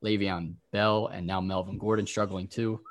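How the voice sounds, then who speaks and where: A young man hosting a casual fantasy football podcast, briskly rattling off lists of players and giving his takes. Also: low voice, fairly even intonation.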